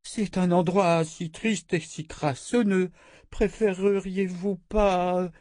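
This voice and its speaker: A man's voice: sits high, steady tone, slow pace, a little mellow, no room sound, clean studio sound, pitched above the performer's own voice. A man voicing a haughty, scheming middle-aged queen in an audiobook, in an affected, fawning manner. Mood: simpering.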